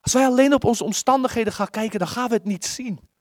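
A preacher giving an impassioned sermon, repeating words, pausing for effect and acting out scripture quotes. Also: medium pitch, dry recording, studio quality. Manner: acts out the biblical quotes.

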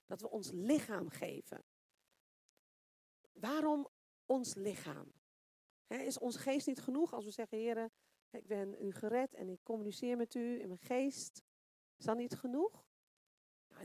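Conversational woman preacher, higher voice. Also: lively intonation, measured pace, long pauses, a little mellow, no echo. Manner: conversational, many rhetorical questions and fillers. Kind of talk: informal sermon.

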